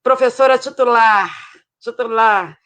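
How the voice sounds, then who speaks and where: A woman's voice: fairly high pitch, unhurried, fairly bright tone. Lady moderator on a video call, reads off names, thanks everybody. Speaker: debate moderator. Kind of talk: hosting an online debate.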